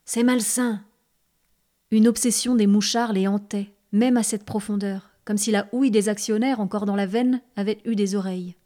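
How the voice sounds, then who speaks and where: A woman reading a classic novel aloud as an audiobook narrator, steady and measured. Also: mid-range voice.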